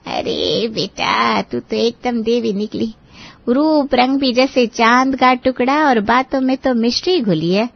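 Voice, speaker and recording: A woman voicing a chatty, flattering elderly neighbour auntie in a cartoon, with rustic turns of phrase. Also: fairly high pitch, unhurried, vocal fry, no echo, lo-fi sound, full character voice. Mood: gushing.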